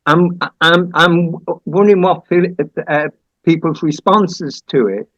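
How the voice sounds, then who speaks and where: A man hosting a play-reading group, informally opening a discussion in a hesitant, halting way that repeats words. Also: a little high, a bit bright, no echo. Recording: dull, lo-fi close recording.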